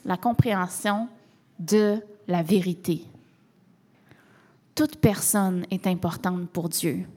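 A woman pastor from Canada, with a Québécois French accent, preaches a sermon at a middle pitch. She keeps it conversational, asking rhetorical questions and tossing in casual tags as she explains. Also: a bit bright.

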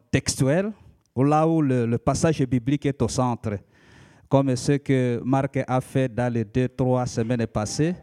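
A Congolese pastor in his thirties, a native Lika speaker, delivers a sermon in church in a measured, teaching style with frequent hesitations. His voice is mellow and medium-pitched.

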